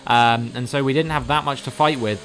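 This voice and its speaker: A man commentating live on his own racing game, rattling off positions in quick play-by-play and getting louder at crashes. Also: medium pitch, slight background noise. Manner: rapid play-by-play, rises sharply in excitement at incidents. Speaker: gaming YouTuber commentating his own race. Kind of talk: live gameplay race commentary.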